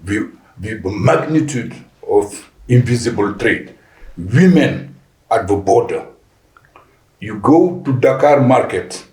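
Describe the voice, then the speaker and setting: Deliberate man, roomy echo. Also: medium pitch, expressive, a little mellow. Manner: deliberate with frequent restarts and fillers. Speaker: panel guest. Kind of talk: podcast panel discussion. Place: conference venue.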